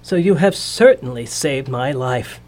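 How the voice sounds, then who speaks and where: Woman reader doing a slow, drawn-out tin man, sorrowful and very polite, a storybook figure. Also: a bass voice, lively intonation, a little mellow, pitched below the performer's own voice, heavily acted. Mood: grateful. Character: polite, sad male tin man, grateful and slow-moving. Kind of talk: storybook reading.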